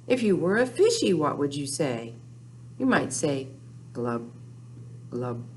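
In a small indoor room with a whiteboard, an older woman, a children's librarian, hosts a storytime for young children with rhymes and counting. She talks very slowly in a repetitive sing-song manner, her pitch rising and falling a lot, with some background noise behind her.

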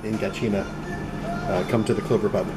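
A middle-aged man vlogging casually from a small pub, talking in a relaxed, rambling way full of ums and uhs, filmed on a handheld camera at arm's length. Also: on the low side, a little fast, very noisy. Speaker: travel vlogger. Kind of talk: casual travel vlog. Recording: loud music behind.

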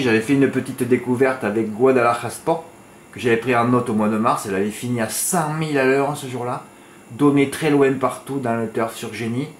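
In a reverberant space with slight background noise, a man with a mid-range voice gives horse racing tips to his viewers. His casual monologue is chatty and peppered with little tag words like "hein," and it flares into exasperated rants.

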